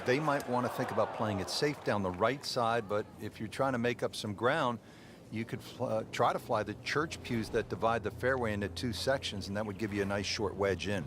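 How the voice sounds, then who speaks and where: A man giving golf commentary as the play-by-play announcer, in measured, declarative calls with short phrases. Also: fairly low pitch, lightly acted. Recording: noisy, with crowd behind.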